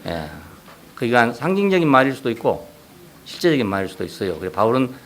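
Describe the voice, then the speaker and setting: 생동감 있게 설교하는 경상도 목사. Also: male voice, mid-range voice, quick pace. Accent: Gyeongsang. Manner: animated, rhetorical questions, acts out quoted voices. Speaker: pastor. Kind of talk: sermon.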